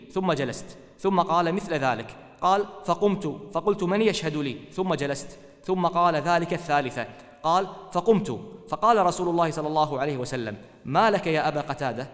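A man reading religious texts aloud in a steady, formal way. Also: on the high side. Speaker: reader of hadith texts. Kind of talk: formal text recitation. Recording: hall with long reverb.

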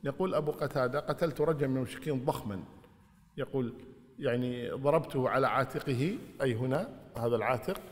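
A man's voice: mid-range voice, fast. A man teaching a religious lesson, explaining and retelling the narrators' words in an informal way. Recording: hall with long reverb.

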